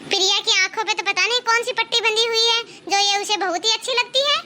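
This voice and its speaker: Woman voicing a shrill, taunting cartoon mother-in-law. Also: brisk, noisy background. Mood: scolding. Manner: scolding, taunting, sarcastic. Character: nagging village mother-in-law, sharp-tongued. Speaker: cartoon voice actor. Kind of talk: cartoon moral-story dialogue.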